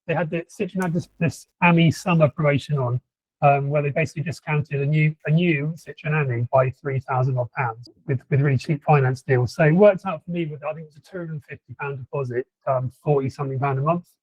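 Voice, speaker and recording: A man's voice: a little high, fairly even intonation, quick pace, husky, no echo, rough recording. Rambling man in a dry room. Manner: rambling, many fillers and restarts. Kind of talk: casual podcast chat. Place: lives in southern England.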